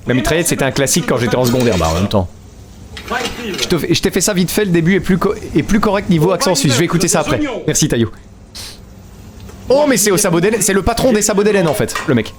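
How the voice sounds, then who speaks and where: A man chatting casually on stream, playful and quick to laugh as he tries out silly voices. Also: a little high, lively intonation, a crowd in the background. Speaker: streamer doing voice impressions.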